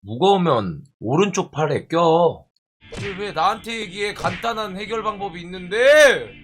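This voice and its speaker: A man's voice: high voice, animated, normal speed, music in the background. A man streamer with a Gyeongsang accent, talking in a mock-dramatic, teasing way. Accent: Gyeongsang Korean. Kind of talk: casual stream talk.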